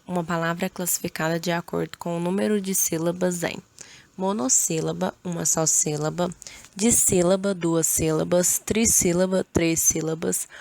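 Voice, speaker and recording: Female teacher, slightly low voice with some fry, dry close mic. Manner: slow, steady reading of rules and examples. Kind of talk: explaining spelling rules.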